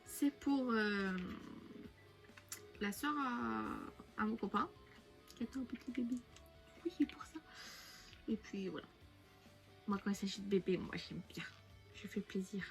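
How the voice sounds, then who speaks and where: A young beauty vlogger from France rambles casually about her shopping haul, with many fillers and restarts, as music plays behind. She talks a little slowly in a medium pitch, leaving long pauses.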